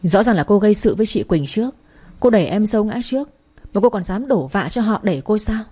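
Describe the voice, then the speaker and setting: Stern, curt young husband, read by a woman; dark husky tone. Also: medium pitch, lively intonation, fast talker. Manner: clipped, scolding.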